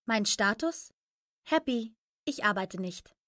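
A woman's voice: mid-range voice, animated, fairly bright tone, no room sound, clean studio sound. A woman playing a young architect introducing herself. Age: 20s. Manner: slow, plain self-introduction. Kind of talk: scripted language-lesson monologue.

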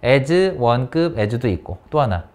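A male teacher in an academy classroom leads an English grammar lesson, using English to coax answers from students one question at a time and naming each one he calls on. He sounds lively. His voice is medium in pitch and his pace is slow.

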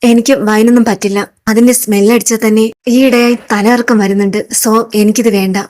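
A woman's voice: on the high side, fairly even intonation, fairly quick, a little mellow, natural voice. A woman reading the lines of an uneasy young woman who answers curtly and reluctantly. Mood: guarded. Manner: curt, reluctant.

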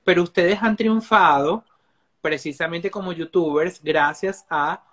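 A man hosting an interview, asking questions in a slow, drawn-out way. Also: fairly high pitch, sharp tone. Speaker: interview host. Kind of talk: casual interview chat.

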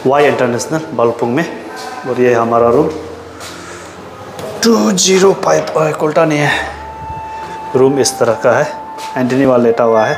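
A travel vlogger films his road trip on a phone, casually narrating and pointing out sights to viewers in a chatty way. His medium-pitched voice has lively intonation and a measured pace with frequent pauses, and music plays underneath along with background noise.

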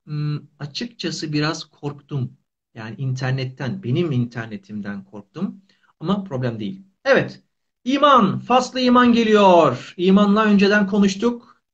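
A man in his thirties with a high voice hosts a casual online language lesson. He keeps his phrases short and simple and repeats them. The livestream sound is dull and lo-fi. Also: animated, moderate pace. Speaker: Turkish teacher and live host. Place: small indoor room.

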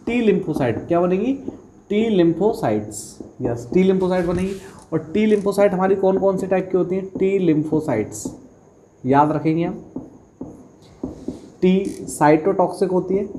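A man's voice: high voice, a little mellow. Guy teaching a biology class, asks then answers his own questions, repeats key words, bit of faint hiss behind. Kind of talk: exam-prep lecture.

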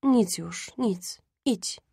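A woman reading the lines of a gravely ill, gentle mother in a storybook, in a weak, hushed, breathless voice. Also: mid-range voice, animated, drawn-out words, no room sound, studio quality, full character voice.

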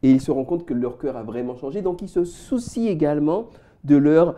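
A man's voice: a little high, fairly quick, dark tone. A man giving a reflective Bible study talk, addressing listeners directly and reading scripture aloud. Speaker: Adventist Bible teacher.

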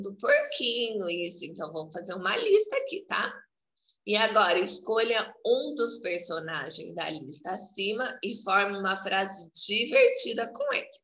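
A woman preschool teacher with a Brazilian Portuguese accent, coaxing little children through a remote lesson in a slow, singsong way and saying "ó" again and again. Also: medium pitch, sharp tone. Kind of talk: remote class for small children. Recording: echoey, dull lo-fi home video.

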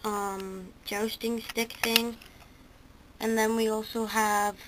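Slow and level, a teenage girl with a slightly high voice tours her homemade model horse stable indoors for a toy barn video, hesitating and correcting herself with plenty of ums. It's casual show-and-tell, filmed on a handheld camera near the toys against a noisy background.

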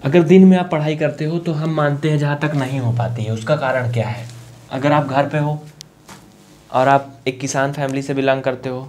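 A man's voice: medium pitch, normal speed, a little mellow, a little hiss or hum. A young man with an eastern Uttar Pradesh Hindi accent teaching a live online maths class, chatty and coaxing, often asking students to answer.

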